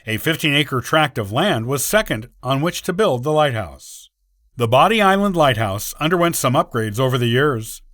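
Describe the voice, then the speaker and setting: Man reading history with lively pitch. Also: normal speed, no echo, studio quality. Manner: reads evenly from a script. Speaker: podcast host. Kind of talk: scripted history narration.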